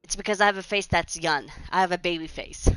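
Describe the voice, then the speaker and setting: A woman's voice: lowish voice, quick pace, fairly bright tone, smooth, no room sound, low-quality recording. A woman, rambling chattily over gameplay with restarts and giggles. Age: 20s. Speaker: gaming channel host. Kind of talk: casual gameplay commentary.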